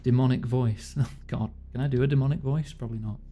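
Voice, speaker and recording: A man's voice: mid-range voice, fairly even intonation, quick pace, dark tone. A man giving casual commentary as he plays a game. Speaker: game streamer. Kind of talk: casual gameplay commentary with dialogue read aloud. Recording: music behind the voice.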